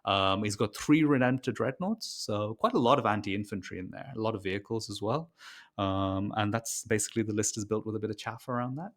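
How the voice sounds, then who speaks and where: A man with a low voice talks through game lists on a podcast. He is relaxed and a little hesitant, filling his pauses with "uh" and "um". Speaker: podcast co-host. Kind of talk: casual gaming chat.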